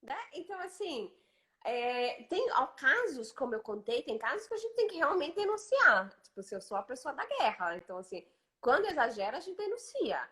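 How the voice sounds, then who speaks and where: A woman's voice: sits high, very animated, normal speed, bright, forceful tone. A Brazilian woman hosting a casual live chat, talking emphatically and eagerly repeating her agreement. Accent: Brazilian Portuguese. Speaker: host.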